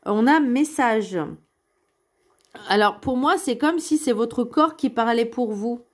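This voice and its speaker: An earnest middle-aged woman with a fairly high voice reads spiritual guidance cards aloud for the week ahead. She speaks reassuringly and directly to her viewers, often pausing and hesitating as she goes. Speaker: card reader giving a weekly guidance. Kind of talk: spiritual card reading, casual monologue.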